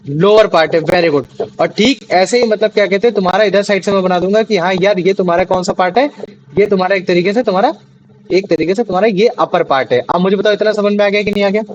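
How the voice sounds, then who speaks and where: High-voiced young male teacher quizzing a class. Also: quick pace, highs cut off. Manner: repeats questions to check understanding. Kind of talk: classroom lesson. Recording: faint background noise.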